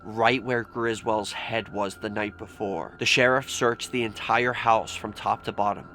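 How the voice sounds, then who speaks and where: A man narrates creepy stories in an informal vlog manner, leaning on "like" as filler and swearing mildly. His lowish voice is sharp in tone, steady and measured in pace. The recording is clearly noisy, with background ambience throughout.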